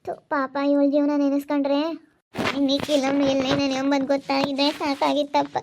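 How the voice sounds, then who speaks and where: A woman's voice: high-pitched, monotone, fairly quick, noisy background. A woman voicing a wronged young village woman speaking with heartfelt gratitude, in an amateur village skit. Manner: heartfelt pleading talk. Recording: dull lo-fi sound.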